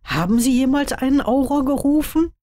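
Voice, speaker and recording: A woman's voice: sits high, normal speed, warm tone, no room sound, clean studio sound, pitched above the performer's own voice, natural voice. A woman reading the lines of a caring young male wizard, his partner's concerned companion.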